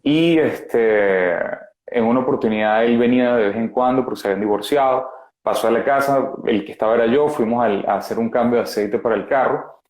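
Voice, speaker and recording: A man in his thirties with a Venezuelan accent, a guest speaking frankly and haltingly about his past over a video call. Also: mid-range voice, a little mellow, reverberant. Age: 30s. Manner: frank, halting, many fillers. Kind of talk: candid personal testimony.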